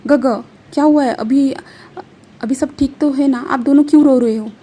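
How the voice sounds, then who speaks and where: Brief: woman voicing a gentle older sister, caring, mellow tone. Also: high voice, fairly even intonation, normal speed, close to an everyday voice. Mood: worried.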